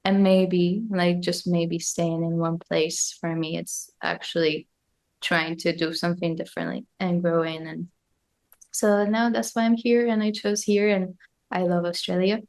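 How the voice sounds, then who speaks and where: A young woman from Argentina talks as a podcast guest in an easy, casual way, working through her thoughts aloud with plenty of fillers. Her voice sits fairly low and stays even, with little rise and fall. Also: a little slow. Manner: reflective, thinks aloud with frequent fillers. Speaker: guest musician.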